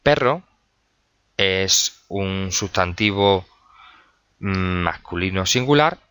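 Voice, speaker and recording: A male teacher with a Spanish accent giving a recorded video lesson, explaining patiently with pauses, fillers and many examples. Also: deep voice, animated, pushed and bright, clear, resonant tone, dry recording, clean studio sound.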